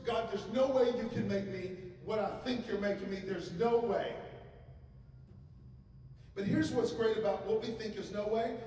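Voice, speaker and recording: A middle-aged man preaches from a church pulpit in a high, steady, mellow voice at a moderate pace, speaking conversationally and putting questions to the congregation. He uses a handheld microphone, and the recording comes from a distance in an echoey church hall.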